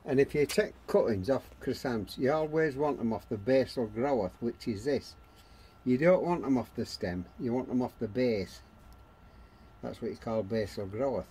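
Speaking at a moderate pace in a mid-range, dark-toned voice, a man chats plainly about gardening on his allotment. Short, blunt phrases explain things from inside an open-sided greenhouse. The sound is noisy, captured by a handheld camera outside.

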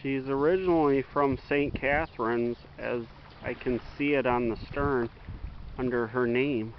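Slow-talking man narrating by a river. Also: mid-range voice, fairly even intonation, muffled recording, slight background noise. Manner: slow, friendly play-by-play of a passing ship. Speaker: ship-watching vlogger. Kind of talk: casual narration while filming. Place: outdoors on a riverbank.

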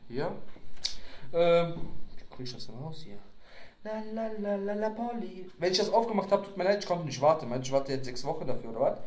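Man, unboxing vlogger, casual rambling chat, jokey, bouncy pitch, echoey room. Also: animated, fast talker, a little mellow. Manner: rambling, joking, playful.

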